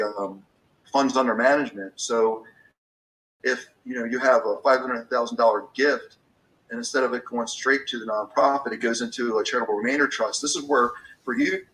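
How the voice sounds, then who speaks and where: A man's voice: medium pitch, a bit bright, far from the mic, low-quality recording. A man in his fifties talking casually about business, rambling with many restarts and fillers. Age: 50s.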